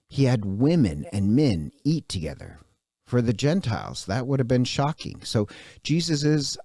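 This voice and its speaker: A man speaking as a priest, introducing his parish class in a loose, conversational way. His voice is low-pitched yet lively and swooping. The sound is dry and close. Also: no room sound. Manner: animated, conversational, with restarts and fillers.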